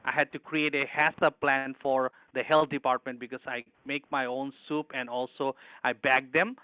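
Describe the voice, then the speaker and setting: A man's voice: medium pitch, little pitch movement, moderate pace, sharp tone, no echo, dull audio. A middle-aged man from Bangladesh, an executive chef answering interview questions earnestly, with frequent restarts and broken grammar.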